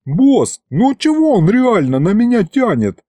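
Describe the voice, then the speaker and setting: Brief: male reader as a cocky piggish imp, thug slang, drawled, higher voice, audiobook. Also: wildly swooping pitch, unhurried, dark tone, husky, no room sound, exaggerated voice. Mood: indignant.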